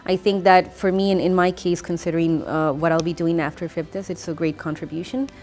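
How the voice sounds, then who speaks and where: Thoughtful young woman, low voice. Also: fairly even intonation, fairly quick, a little mellow. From Costa Rica. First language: Spanish. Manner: thoughtful, with frequent fillers and restarts. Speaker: master's graduate. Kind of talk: testimonial interview.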